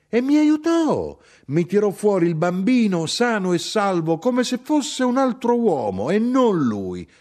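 A blunt, proud older mother, as a male reader puts her on. Her voice climbs high and swings widely, full of spirited emphasis. She talks like a storybook matriarch who brooks no nonsense. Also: heavily acted. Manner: lively, animated dialogue. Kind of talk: audiobook reading.

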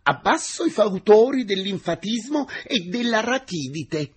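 A man reading aloud and voicing a firm, spirited young woman who teaches gymnastics, in a raised, crisp voice. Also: big pitch swings, a little slow, full character voice. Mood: cool. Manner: raised falsetto-like pitch, crisp retorts.

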